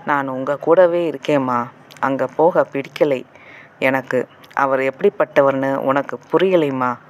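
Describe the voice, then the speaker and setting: A man voicing a battered young wife, speaking quietly and with resignation in an audiobook reading. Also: medium pitch, unhurried, highs cut off, natural voice. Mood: weary.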